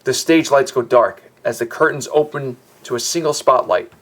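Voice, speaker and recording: A man's voice: medium pitch, normal speed, a bit bright. A man hosting a gaming video, reading game lore aloud and breaking off for chatty, wry asides.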